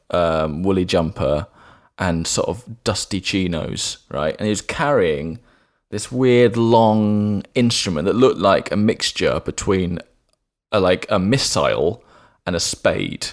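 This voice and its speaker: Brief: low, rambling podcast co-host, chatty anecdote teller. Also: male voice, lively intonation, a little slow. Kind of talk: casual chat.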